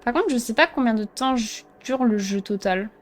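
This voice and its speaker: A woman's voice: a little high, lively intonation, normal speed, faint music behind. A woman commenting as she plays a horror video game, joking and teasing herself, sometimes tripping over words she reads aloud. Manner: joking, self-mocking, stumbles over read-out text. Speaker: gameplay streamer. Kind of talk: let's play commentary.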